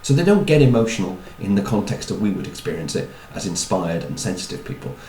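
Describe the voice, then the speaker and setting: A man's voice: on the low side, very animated, fast, mellow, roomy sound, slight background noise, rough recording. A man giving a chatty talk on personality types, with wry asides and repeated words. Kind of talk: talk to an audience.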